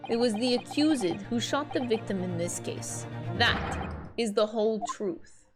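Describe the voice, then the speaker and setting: A woman's voice: a little high, expressive, a little slow, loud music behind the voice, voice pushed down. A woman playing a cold, haughty aristocrat prosecutor. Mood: cold, disdainful. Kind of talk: reading game dialogue aloud.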